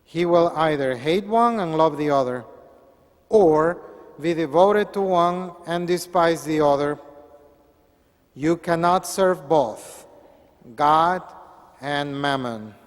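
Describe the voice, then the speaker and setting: Priest in an echoey church. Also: male voice, fairly high pitch. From Peru. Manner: measured, earnest preaching. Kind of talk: Gospel reading and sermon.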